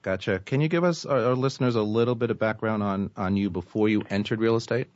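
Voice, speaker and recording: A man's voice: on the low side, fast talker, a little mellow, no echo. A man hosting a radio show, putting questions to his guests. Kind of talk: radio interviewing. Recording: slightly dull dry radio audio.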